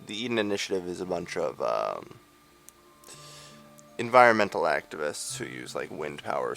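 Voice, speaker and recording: A man's voice: lowish voice, creaky, fairly bright tone. A young man hosting a let's play, giving rambling, sarcastic gameplay commentary into a desk microphone. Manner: rambling, sarcastic, many fillers.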